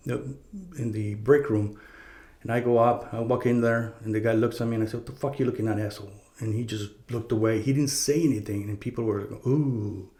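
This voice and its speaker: A middle-aged man talks through a personal story in a loose, unscripted way, stopping and restarting his sentences and swearing without hesitation. His voice sits at an ordinary male pitch, and the recording carries a noticeable roomy echo. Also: darkish tone. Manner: conversational, profane, many fillers and restarts. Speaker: podcast host. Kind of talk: casual storytelling monologue.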